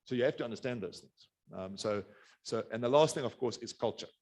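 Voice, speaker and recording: A man's voice: medium pitch, fairly quick, darkish tone. A middle-aged man with a South African accent, giving a webinar business talk in a rambling way, full of restarts and fillers. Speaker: business speaker. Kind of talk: webinar presentation.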